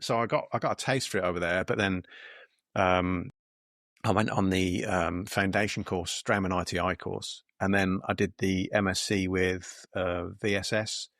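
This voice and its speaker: A man in his fifties, a dentist co-hosting, talks in a wandering, hesitant way with many restarts. His voice is on the low side. The sound is dry, like a video call. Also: steady tone, moderate pace, fairly bright tone, no room sound. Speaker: dentist and podcast co-host. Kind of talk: casual interview chat.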